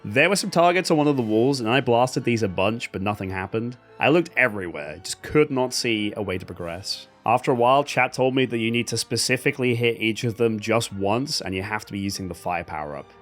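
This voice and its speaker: A man's voice: medium pitch, brisk, few pauses, faint music behind. A man giving sarcastic, comedic voice-over commentary on a video game he has played through. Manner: wry, sarcastic, animated, laughs at the game. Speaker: gaming video host.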